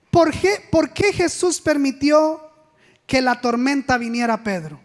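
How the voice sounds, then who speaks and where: High-voiced woman preaching in a church. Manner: animated, asks the congregation rhetorical questions; acts out quoted speech in a dramatic way. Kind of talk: sermon. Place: church sanctuary. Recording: long church reverb.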